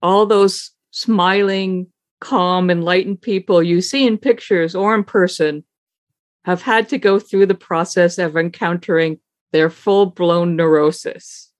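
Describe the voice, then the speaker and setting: Woman Zen teacher, dharma talk, reflective, easy laughter, mid pitch, dry close mic. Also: no echo. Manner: unhurried, reflective, with frequent soft laughter.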